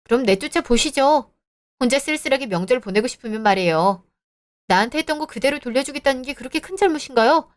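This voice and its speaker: A woman's voice: high-pitched, expressive, quick pace. A woman voicing a young married woman who talks back in cold, cutting retorts, in a scripted audio drama. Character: young married woman, sharp-tongued, defiant. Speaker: daughter-in-law.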